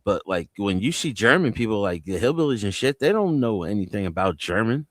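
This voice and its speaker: A New Jersey man chats on a casual livestream panel through a home video-call mic, with no echo. His voice is on the low side, sing-song, and fairly quick. He tells loose, profane stories in an easygoing way.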